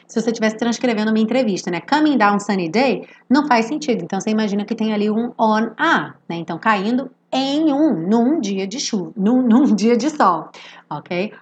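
Brazilian woman, fairly high voice, pronunciation teacher who sings lyric lines slowly between fast explanations, faint hiss. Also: lively intonation, muffled recording. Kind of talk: lesson on song lyrics.

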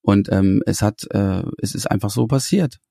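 A man's voice: on the low side, normal speed, creaky, no echo, clean studio sound. A man being interviewed as a musician, talking animatedly and often restarting his sentences. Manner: animated, searching for words with restarts. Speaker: musician guest. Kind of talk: conversational interview answers.

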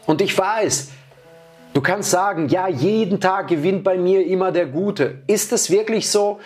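A man giving a motivational talk as a life coach, asking rhetorical questions and repeating key phrases. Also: high-pitched.

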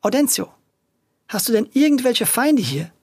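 A dutiful policewoman voiced by a storyteller in a children's audio story, her voice raised somewhat above the narration. She is firm and matter-of-fact, with a husky grain, and the sound is dry. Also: medium pitch, big pitch swings, moderate pace, darkish tone, dry recording, voice pushed up. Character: experienced, dutiful female police officer.

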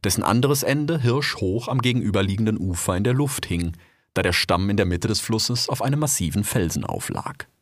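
A man narrating an audio drama in a measured, even storytelling manner. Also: fairly low pitch, no room sound, clean studio sound.

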